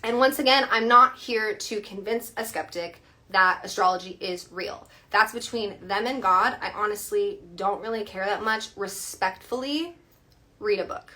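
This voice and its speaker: A woman's voice: medium pitch, sharp tone. A young woman hosting a live stream as an astrologer, chatting casually with lots of fillers, earnest and a bit defensive.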